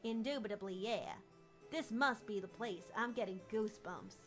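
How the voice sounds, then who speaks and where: A woman's voice: mid-range voice, normal speed, faint music behind, close to an everyday voice. A woman voicing a flamboyant, dramatic male fantasy author in a put-on Texan accent, with theatrical, grandiose phrasing.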